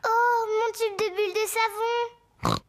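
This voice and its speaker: Very high, excitable little girl pig. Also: takes it slowly, dry recording, heavily acted. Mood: excited. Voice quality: childlike. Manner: excitable, giggly. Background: loud music.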